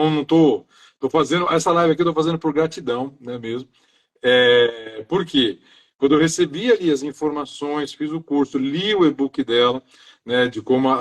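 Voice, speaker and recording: A middle-aged man from Brazil, a maintenance engineer, talking earnestly in a casual live interview, stringing his thoughts together loosely. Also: a little high. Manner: earnest, talks in loose chains of "então" and "né".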